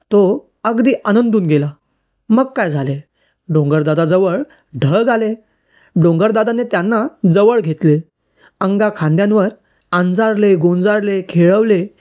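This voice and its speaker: A woman reading an old school-textbook story for children aloud, in a lilting, expressive storybook manner. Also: medium pitch, a little slow.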